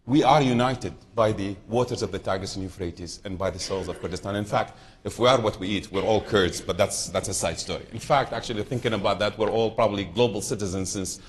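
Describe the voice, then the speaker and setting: Middle-aged guy from southern iraq winging a panel talk, lowish voice, lots of restarts and side tracks. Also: a little fast, hardly any pauses, a little hiss or hum. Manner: unscripted, digressive, frequent restarts. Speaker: panel speaker.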